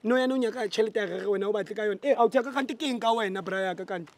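High-voiced South African man hosting. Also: racing, no room sound. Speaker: vlog host confronting a debtor. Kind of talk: street confrontation vlog, mixing languages.

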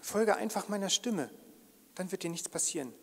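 An actor playing a patient, wise male guide in an audio drama, calm and reassuring with a dry self-ironic streak. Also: high voice, normal speed, creaky, in a large hall, slight background noise.

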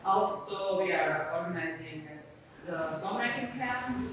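A woman in her forties introducing herself on a conference panel, halting and filled with pauses. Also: fairly low pitch, expressive, fairly bright tone, slight background noise. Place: conference stage in a hall. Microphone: handheld mic. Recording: echoey hall, distant.

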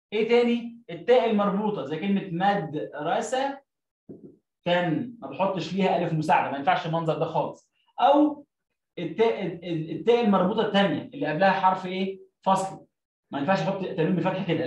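High-voiced Egyptian teacher, roomy lo-fi recording. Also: male voice, distant mic. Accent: Egyptian Arabic. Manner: drawn-out syllable-by-syllable drilling. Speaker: Arabic teacher. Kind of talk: explaining a reading lesson. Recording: roomy, dull lo-fi sound.

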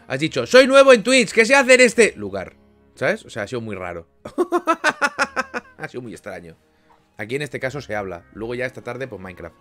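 A young man from chatting casually with viewers on a live stream, rambling with lots of restarts and sudden loud bursts. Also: fairly low pitch.

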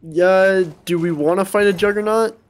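A man in casual gaming chat with friends, directing the squad with quick calls over a headset. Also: high-pitched, steady tone. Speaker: streamer playing with friends.

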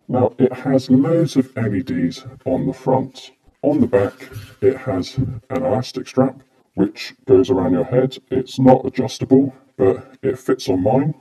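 A man's voice: medium pitch, mellow, poor audio. A man casually reviewing a gadget, speaking through a face mask in a plain, matter-of-fact way. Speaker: product reviewer.

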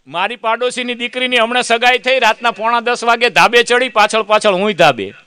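A man's voice: very high voice, a little fast, pushed and bright, clean tone, dry recording. A man doing a comic monologue, telling a chatty story, acting out other people's lines and teasing the audience. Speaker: comedian.

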